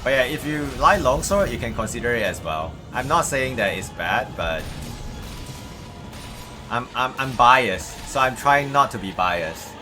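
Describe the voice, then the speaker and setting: Music runs under this Malaysian-accented host's casual gaming livestream chatter. Speaking a little slowly in a mid-range voice, he is very animated, yet he hesitates and repeats words often.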